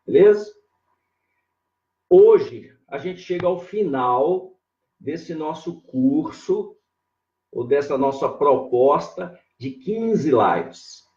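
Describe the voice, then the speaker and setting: Man, grammar teacher, very slow unhurried delivery, repeats "ó" to point things out, dull lo-fi recording. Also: fairly high pitch, animated, dark tone. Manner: explains slowly, drawing out key words and repeating "ó"; greets viewers by name mid-lesson. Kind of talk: live online grammar lesson. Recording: echoey room, dull lo-fi sound.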